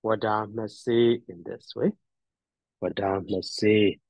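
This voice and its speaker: A man teaching grammar as he recites word forms, halting and repetitive as he thinks aloud. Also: lowish voice, steady tone, a little mellow. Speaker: teacher, addressed as a Buddhist monk. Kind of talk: grammar lesson on verb endings, reciting forms. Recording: dull, roomy lo-fi audio.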